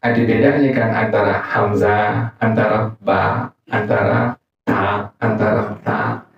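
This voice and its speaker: A man's voice: on the low side, fairly even intonation, a little slow, vocal fry. A man teaching an informal religious study class, joking and quizzing his audience with questions. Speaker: Islamic teacher. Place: gathering room with an audience. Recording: echoey room, distant, dull mic.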